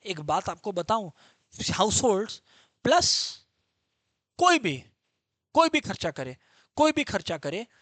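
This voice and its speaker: A man's voice: sits high, a bit bright, dry recording. Emphatic male exam-prep teacher. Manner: emphatic, drills terms by repeating them. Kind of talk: online lecture.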